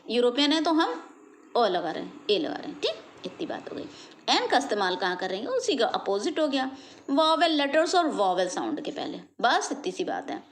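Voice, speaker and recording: A woman teaching an English grammar lesson, explaining step by step, spelling out letters and checking in with "okay?" after each point. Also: fairly high pitch. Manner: checks understanding with frequent "okay?" tags; spells out letters and examples slowly.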